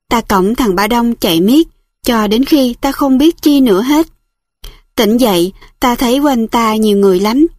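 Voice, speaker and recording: A woman narrating a story aloud in a steady, earnest audiobook reading style. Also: a little high, dry recording, clean studio sound.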